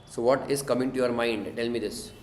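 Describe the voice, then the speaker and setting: Man, Indian accent, classroom tutor, questioning and prompting, medium pitch, roomy echo, faint background noise. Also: steady tone, fairly quick, a little mellow. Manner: prodding students with questions and short tag checks. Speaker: tax tutor teaching a class. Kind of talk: interactive classroom lesson. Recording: echoey room with faint noise.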